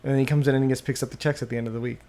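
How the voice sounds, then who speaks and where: A man hosting a solo podcast, thinking out loud and often trailing off and restarting mid-sentence, into a desktop microphone. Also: medium pitch, level tone, racing. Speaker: podcast host. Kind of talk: rambling solo podcast monologue. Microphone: USB desktop microphone.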